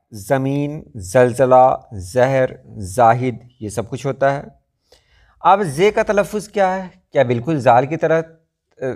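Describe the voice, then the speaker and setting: A man teaching pronunciation in a video lesson, repeating example sounds and words slowly for practice. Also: a little high. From Muzaffarpur, India.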